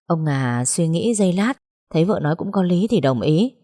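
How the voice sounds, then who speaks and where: A woman narrating a dramatic family story in a steady, scripted way. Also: on the low side, normal speed.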